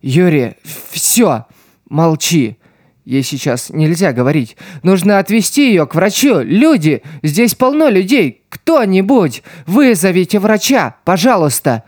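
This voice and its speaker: A man reading an audiobook voices a desperate, loyal teenage street boy who shouts and pleads in a raised voice. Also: fairly high pitch, big pitch swings, slow, dry recording, studio quality. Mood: desperate, pleading.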